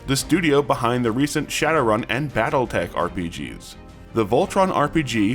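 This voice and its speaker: Male news host, scripted narration in a middle-pitched voice, music bed behind. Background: background music.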